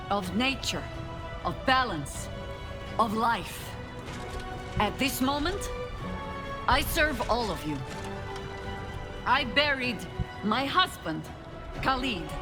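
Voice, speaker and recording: An actress voices a battle-worn older woman druid in a video game, sounding proud, wry, and grieving. Her medium-pitched delivery is measured, eloquent, and dramatic, with a solemn yet rousing mood.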